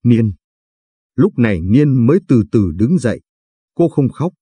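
A man narrating a scripted family story in a steady, even storytelling manner. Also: mid-range voice, normal speed, breathy edge, dry recording.

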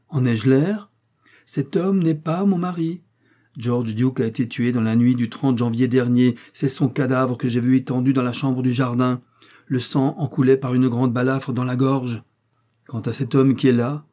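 A man's voice: medium pitch, steady tone, moderate pace, warm tone, natural voice. A man voicing a determined young wife who defies a courtroom, firm and insistent. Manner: firm, insistent, rising to outbursts.

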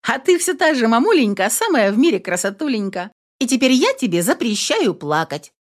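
Female reader doing a bubbly, coaxing teen girl for an audiobook, lively and high. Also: fairly quick. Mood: comforting. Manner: gushing, coaxing, uses pet names. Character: bubbly teenage girl nearly eighteen, excitable, affectionate.

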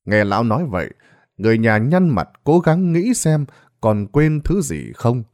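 A man narrates a ghost story with dramatic delivery. His pitch swings widely across lines. His voice sits in a middle register. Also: big pitch swings, normal speed, darkish tone. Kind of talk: scripted narration.

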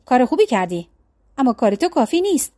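A woman's voice: sits high, sing-song, mellow, no echo, studio quality. A woman voicing the commanding chief of a band of evil spirits in a folk tale. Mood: dismissive.

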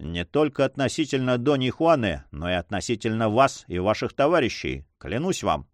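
A man's voice: medium pitch, big pitch swings, normal speed, no echo, studio quality, natural voice. A man voicing a determined young noble buccaneer leader who speaks firmly and earnestly.

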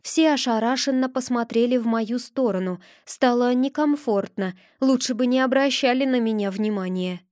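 Higher-pitched woman narrating a fantasy audiobook. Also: moderate pace, few pauses, no room sound, studio quality. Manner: lively, expressive storytelling. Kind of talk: scripted first-person narration.

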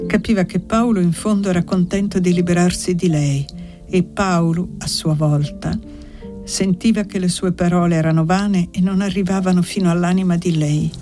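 A woman reads a classic novel in a measured, unhurried narration with long pauses. Her voice is low and mellow, and faint music lies under the reading. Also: fairly even intonation. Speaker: audiobook reader. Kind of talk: literary audiobook narration.

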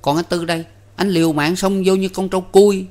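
Man putting on a loud, eager street boy. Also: high-pitched, a little fast, voice pushed up, close to an everyday voice. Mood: boastful. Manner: excitable, blurting.

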